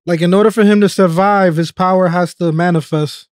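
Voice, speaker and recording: A man's voice: high-pitched, fairly even intonation, fairly quick. A man in his thirties hosts an anime reaction in casual, slangy speech. He is close to the microphone in a home streaming room, with music behind him. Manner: slangy, informal. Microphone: close microphone on a boom arm. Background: music from the show.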